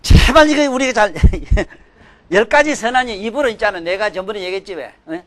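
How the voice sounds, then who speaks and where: Scolding older man preaching, high voice. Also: brisk. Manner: scolding, emphatic, swings from loud outbursts to low mutters. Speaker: Buddhist dharma teacher. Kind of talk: sermon.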